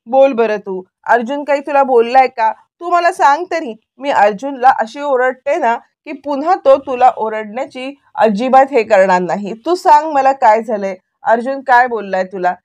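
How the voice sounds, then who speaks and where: A woman voicing a caring woman of the family who asks gentle, worried questions. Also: sits high, animated, moderate pace, few pauses.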